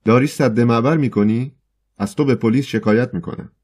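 A man voicing an enraged young male poet who shouts accusations in a storybook reading. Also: medium pitch, voice pushed up, natural voice. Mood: furious.

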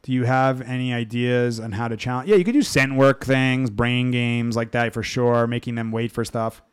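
A man's voice: medium pitch, fairly even intonation, normal speed, clear, resonant tone. A man hosting a live dog-training Q&A podcast, talking frankly in a rambling, self-interrupting way. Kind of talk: casual live Q&A chat.

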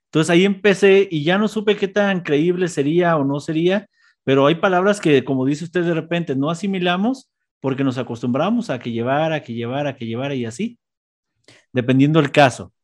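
A man hosts a live stream in an easy, chatty way. He greets viewers by name and reads out their comments. His voice sits on the higher side for a man. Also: brisk. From Mexico. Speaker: teacher at a school. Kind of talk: casual live-stream chat.

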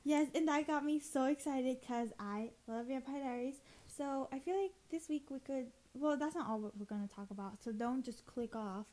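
A young woman with a high voice, co-hosting a casual podcast. She chats loosely with plenty of fillers and giggles between her points. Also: normal speed, few pauses, darkish tone, low-quality recording. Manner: giggly, chatty, lots of fillers. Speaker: podcast co-host. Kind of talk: casual chat.

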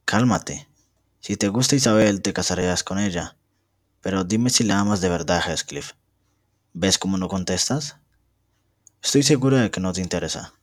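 A young man reading aloud as a proud young lady of the house who gives sharp commands. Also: low-pitched, normal speed, long pauses. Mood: commanding. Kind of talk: amateur reading of a novel.

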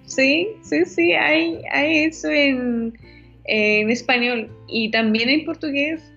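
A woman chatting casually about Spanish accents, lively and playful, laughing often. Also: high-pitched, slow, vocal fry, lo-fi sound, soft background music.

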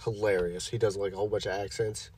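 A man's voice: lowish voice, little pitch movement, fast talker, a little mellow, breathy edge, dry recording. A man co-hosting a casual podcast, joking around and teasing playfully. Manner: jokey, playful, laughs often. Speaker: podcast co-host.

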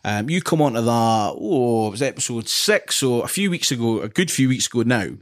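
A man's voice: mid-range voice, lively intonation, a little fast, no room sound, studio quality. A man hosting a podcast, asking questions casually and teasing his guest. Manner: joking, teasing. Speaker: podcast host. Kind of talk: casual chat.

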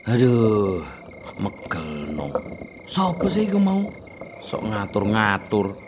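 A nosy young dude, super lively pitch, drawls slow, faint music under. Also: male voice, noisy background. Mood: eager. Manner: animated, teasing, swinging loud to soft. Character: bold, nosy young man seeking thrills. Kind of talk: radio drama acting.

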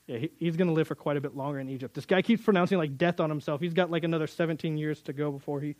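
A man's voice: on the high side, steady tone, very fast, a little mellow, dry recording. A man teaching through a Bible passage in earnest, often repeating words as he builds emphasis.

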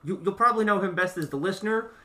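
A chatty man hosts a casual podcast with a bright, forceful voice and a slightly raised pitch. He laughs often and pokes fun at himself, and he sits a bit back from the mic. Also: very fast, recorded from a distance. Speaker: podcast host. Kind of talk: casual chat.

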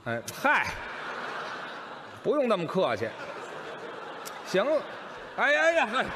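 A man with a Beijing accent playing the supporting role in crosstalk comedy, chiming in quickly and protesting in exasperation. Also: high voice, wildly swooping pitch, noisy background. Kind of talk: comic crosstalk backing.

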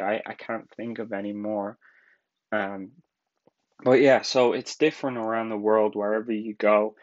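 Young Irish man, low, lo-fi podcast. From Ireland. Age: 20s. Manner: rambling, casual, laughs often. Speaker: podcast host. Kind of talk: solo podcast monologue.

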